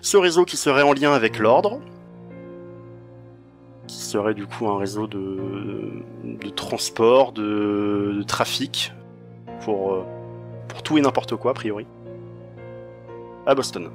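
A man narrating a tabletop role-playing game as game master, halting as he searches for words. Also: fairly low pitch, expressive. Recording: music behind the voice.

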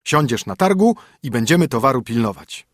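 A man's voice: mid-range voice, sing-song, fairly quick, no echo, clean studio sound. A man doing a stern scolding minstrel husband. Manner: scolding, commanding. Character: stern poor minstrel husband, a king in disguise.

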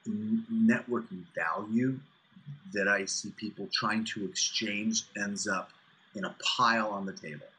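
A middle-aged man with a low, husky voice and a bright edge answers interview questions about business networking as a guest, being an author and executive coach. He's on a video call from a small furnished room indoors, picked up by a computer mic at desk distance, and the audio is poor.

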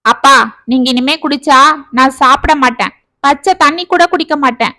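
A woman's voice: sits high, normal speed, bright, forceful tone, no room sound. A woman voicing a determined college-age daughter who pleads insistently with her father in a storybook tale.

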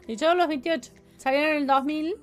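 A woman in her forties with a Córdoba Argentine Spanish accent chats playfully with viewers on a live stream while playing a game, humming sing-song fillers. Her voice is high, steady in tone and fast, with soft music in the background.

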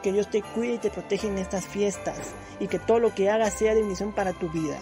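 A man's voice: sits high, fairly even intonation, fast talker, dark tone, faint music behind. A man from Guatemala, sending fervent religious holiday blessings. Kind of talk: recorded holiday greeting.

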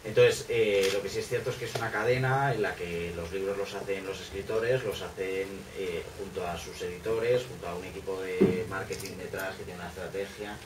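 A man's voice: low-pitched, fairly even intonation, moderate pace, few pauses. A man in his thirties, an author speaking casually on a panel, talking chattily with many fillers and restarts. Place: small bookshop café, indoors. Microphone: far camera. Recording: roomy, distant, noisy room.

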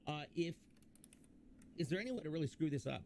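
A man's voice: fairly high pitch, animated, brisk, vocal fry, darkish tone, slight background noise. A man hosting a livestream PC build, chatty and joking while reading viewer questions aloud. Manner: chatty, jokey, reads viewer chat aloud. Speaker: livestream host. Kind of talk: casual livestream chat.

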